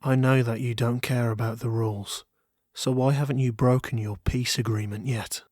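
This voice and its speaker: A man's voice: medium pitch, fairly even intonation, normal speed, darkish tone, dry recording, studio quality, close to an everyday voice. A man playing a wealthy, self-controlled yandere lover, jealous yet restrained, speaking formally in a dramatic audio role-play. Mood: suspicious. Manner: yandere, composed, formal, wounded devotion.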